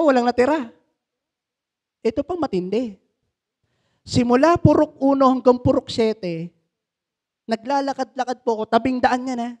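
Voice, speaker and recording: High-voiced Filipino pastor preaching. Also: male voice. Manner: emotional storytelling, pitch swings, mixing English into Tagalog. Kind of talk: sermon with personal testimony.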